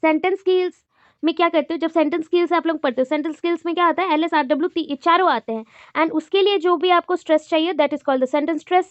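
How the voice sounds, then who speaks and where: High-voiced woman teacher, dry close sound. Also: fast, dry recording, highs cut off. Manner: mixes Hindi and English, reads out and explains example sentences. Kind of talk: exam-prep lecture.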